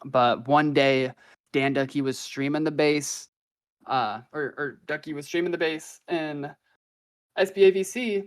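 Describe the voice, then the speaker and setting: A man's voice: a little high, a little slow. A man guest on a podcast, telling long rambling stories in casual slangy chat, full of fillers.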